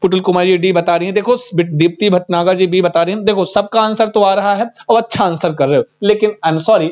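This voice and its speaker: High-voiced chatty teacher on a dull stream. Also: male voice, fairly even intonation, fairly quick, darkish tone. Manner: chatty, teasing, reads students' chat aloud. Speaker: Sanskrit teacher. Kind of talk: live online exam-prep class.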